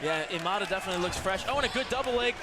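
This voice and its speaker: A man giving excitable, conversational color commentary on a live fight, speaking from ringside. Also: high-pitched, very fast. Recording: loud crowd and arena noise.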